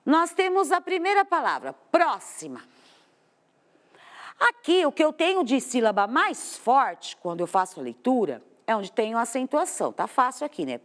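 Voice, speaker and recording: A woman's voice: high-pitched, very animated, moderate pace. A Brazilian Portuguese-accented woman teaching a class from a TV studio, explaining step by step and asking the students questions. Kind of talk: televised classroom lesson. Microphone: studio microphone.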